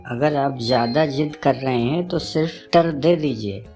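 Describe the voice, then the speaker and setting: A man voicing a cheeky young son-in-law with quick retorts in a spoken joke. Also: mid-range voice, a little mellow, soft background music, natural voice.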